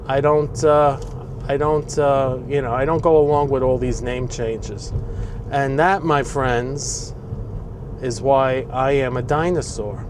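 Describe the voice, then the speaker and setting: A New York–accented vlogger in his sixties chats casually from his car in city traffic, with faint traffic noise in the background. His mid-range voice has fairly even intonation and he takes his time, rambling opinionatedly and throwing in grumbling asides.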